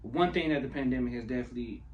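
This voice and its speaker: A man hosting a radio interview, asking questions in a relaxed, easygoing way. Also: mid-range voice, racing, far from the mic, dull audio. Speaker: radio host. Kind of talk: casual interview chat. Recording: off mic with faint background noise.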